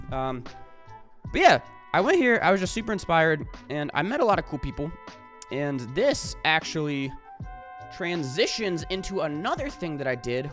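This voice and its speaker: A man's voice: a little high, fairly bright tone. A man talking to camera in a casual vlog, rambling with lots of fillers and casual swearing. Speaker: YouTuber.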